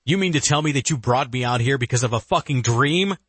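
An exasperated young agent , voiced by a male narrator, speaks in a raised, husky tone and pleads hard with his father. The read is close and dry. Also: mid-range voice, animated, fairly quick, fairly bright tone, no echo, pitched above the performer's own voice. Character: young male federal agent, desperate son.

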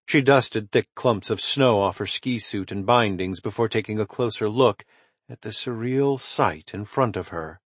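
Narrating a suspense thriller from a script, this man uses a lowish, slightly rough voice with no echo. His storytelling is dramatic and measured, rising in emphatic swells and falling to hushed drops.

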